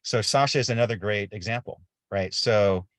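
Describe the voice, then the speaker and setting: A man's voice: lowish voice, moderate pace, a bit bright, no room sound. A middle-aged man telling war-zone stories as an interview guest on a video call, earnest and repeating words as he builds a point. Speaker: interview guest, aid volunteer. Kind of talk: casual storytelling on a video call.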